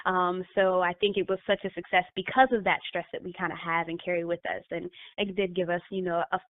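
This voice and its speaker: Over tinny phone-line audio, a woman life coach talks through her thoughts as a guest in a casual interview, full of fillers and restarts. Her fairly low voice moves fairly quickly with little variation in pitch.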